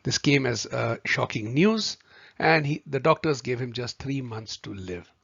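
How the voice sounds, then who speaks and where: A man teaching a video lesson, speaking deliberately and addressing viewers as friends. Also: mid-range voice, expressive, gravelly, fairly bright tone, husky, dry recording. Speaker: homeopathy tutor. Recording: dry, slightly muffled recording.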